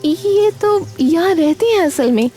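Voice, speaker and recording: A woman's voice: very high-pitched, expressive, takes it slowly, mellow, faint music behind, voice pushed up, heavily acted. A woman voicing a young female caretaker at an old age home, explaining things in a friendly way.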